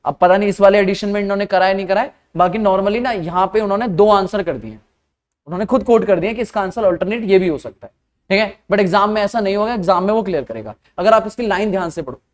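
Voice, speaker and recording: A man's voice: high-pitched, quick pace. A male accounting lecturer with an Indian accent, teaching casually and quizzing his students. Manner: conversational, asks students questions. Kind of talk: classroom lecture.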